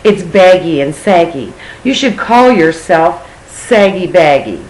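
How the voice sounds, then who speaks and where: A woman's voice: fairly low pitch, sing-song, takes it slowly, darkish tone, poor audio. A woman voicing a saucy, bossy storybook parrot that scolds and mocks in a blunt manner. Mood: mocking, critical.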